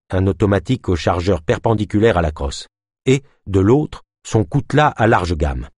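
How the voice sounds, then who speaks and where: A man's voice: fairly low pitch, a little mellow, breathy edge, dry recording, clean studio sound. A man narrating an adventure story as an audiobook, reading expressively.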